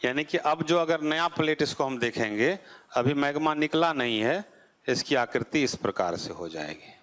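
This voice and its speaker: This is a man teaching a geography class, animated and at a normal speed, with a fairly bright tone. He often asks rhetorical questions, supplies the answers, and lets his pitch drop at the end of each point.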